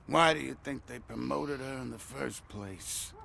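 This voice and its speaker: A man's voice: mid-range voice, a little slow, vocal fry, bright, forceful tone, exaggerated voice. A man playing a bitter, grumbling down-and-out character in a video game. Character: bitter down-and-out man, slow and sour.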